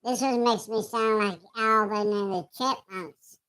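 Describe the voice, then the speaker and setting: A man talking through a voice changer that shifts his voice up to a higher, womanlike pitch while he chats with viewers on a livestream. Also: unhurried, sharp tone, smooth. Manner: chatty, greeting viewers. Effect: voice changer raising the voice to a higher, womanlike pitch. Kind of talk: casual livestream chat.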